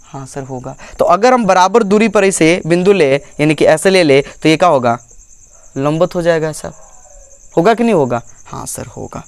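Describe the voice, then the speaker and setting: A man's voice: high-pitched, expressive, normal speed, smooth, no echo. A male physics teacher giving a classroom lecture, repeating phrases and checking often whether the class follows.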